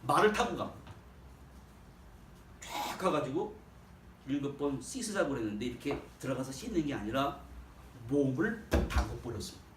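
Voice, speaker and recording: A man's voice: big pitch swings, moderate pace, long pauses. A man preaching a sermon, emphatic, swinging his voice up and down to drive points home. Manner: emphatic preaching with sharp swings in pitch and volume. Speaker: pastor. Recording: roomy echo, voice from a distance, faint background hum.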